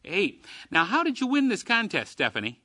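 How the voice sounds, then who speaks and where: A man hosting a children's religious radio program in a folksy, avuncular, upbeat style, like a chipper old-time ad pitch. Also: wildly swooping pitch, normal speed, pushed and bright, dry recording. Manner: avuncular, addresses children as fellas and gals.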